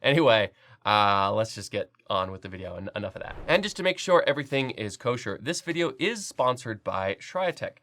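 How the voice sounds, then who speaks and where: A congested man with a cold hosts a 3D printing channel and gives a casual product review. His nasal voice sits on the low side with big pitch swings, a fairly bright tone and a slightly fast pace. He's chatty and loose, full of fillers and restarts.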